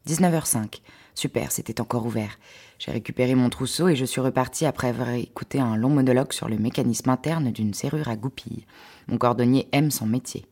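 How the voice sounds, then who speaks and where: A woman narrating a first-person story in a wry, sarcastic, lively way. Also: rumbling low, a little fast.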